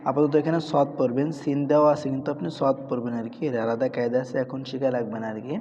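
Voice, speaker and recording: A man teaching Quran reading in a madrasa, spelling out letters and slowly chanting each verse. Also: medium pitch, level tone, background noise. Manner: slow drawn-out chanting of verses, then quick spelled-out rules. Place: madrasa with children's noise around. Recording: lo-fi with long hall reverb.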